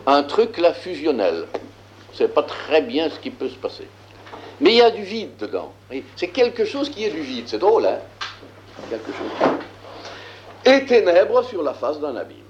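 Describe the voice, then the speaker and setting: A man teaching a lesson, reading scripture aloud and explaining it, slow and emphatic, with frequent filler words. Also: on the high side, wildly swooping pitch, roomy sound, highs cut off, slight background noise. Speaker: Bible teacher.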